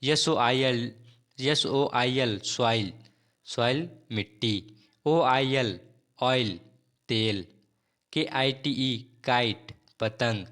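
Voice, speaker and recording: A man's voice: medium pitch, extremely slow, pauses often, fairly bright tone. A man teaching English spelling and pronunciation, who spells each word out letter by letter and repeats it as a drill.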